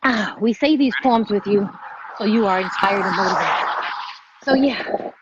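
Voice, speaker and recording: Speaking a little slowly in a mid-range voice, a female vlog host and fitness motivator leads a motivational livestream chat. She's emphatic, repeating phrases to drive her points home. The live-stream sound is muffled and noisy.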